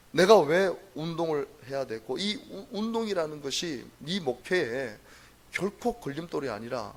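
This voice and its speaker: A middle-aged man preaching at a dawn prayer service, telling his own story in an earnest, animated way with emphatic repeats. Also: fairly high pitch. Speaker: pastor. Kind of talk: dawn prayer sermon testimony.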